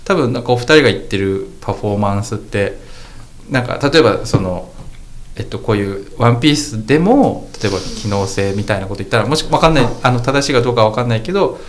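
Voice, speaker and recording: A man's voice: mid-range voice, animated, fast talker, a little hiss or hum. A man co-hosting a casual fashion chat as a journalist, rambling with heavy fillers and teasing.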